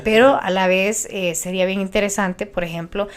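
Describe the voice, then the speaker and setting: Animated Honduran woman radio announcer. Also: medium pitch, moderate pace, smooth. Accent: Honduran Spanish. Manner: animated, passionate, many restarts. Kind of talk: casual interview chat.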